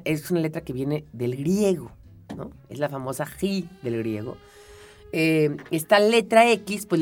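A woman from Mexico with a Mexican accent, co-hosting an explanatory chat and walking through ideas patiently, often checking in with her listener. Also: fairly low pitch. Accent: Mexican Spanish. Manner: explains patiently, often tags "¿no?" and fills with "este". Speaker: co-host.

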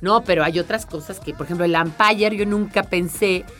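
A woman's voice: lowish voice, a little fast, faint music behind. A woman co-hosting a radio chat about language, explaining patiently and often checking in with a questioning "¿no?". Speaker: radio co-host.

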